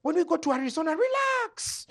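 A Kenyan man performs stand-up comedy on a club stage, loud and animated, joking around with the crowd. His voice is very high, and he speaks briskly.

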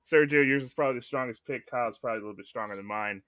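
A man's voice: mid-range voice, very fast, a bit bright, no echo. A man in his thirties co-hosting a casual sports podcast, blunt and profane, laughing often. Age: 30s. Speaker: podcast co-host.

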